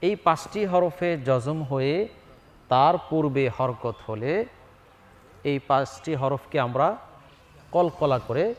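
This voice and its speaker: A man teaching Quran reading, drilling Arabic letters and sounds and chanting each syllable louder and higher. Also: lively intonation, slow, pauses often.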